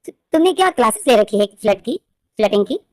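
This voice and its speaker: A woman's voice: fairly high pitch, expressive, quick pace, no room sound, natural voice. A woman doing a snappy irritated young man. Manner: snappy and annoyed. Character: irritated, proud young man rebuffing advances.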